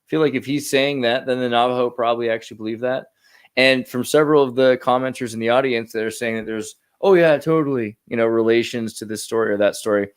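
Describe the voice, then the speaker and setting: A man's voice: medium pitch, fast, clear, resonant tone. A man co-hosting a podcast, chatting casually and upbeat with lots of filler words. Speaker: podcast co-host.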